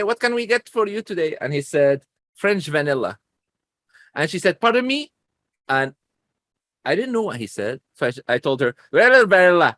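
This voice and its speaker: A man's voice: mid-range voice, no echo. Chatty man with non-native English. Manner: animated, chatty, self-deprecating. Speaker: guest. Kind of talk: casual interview storytelling.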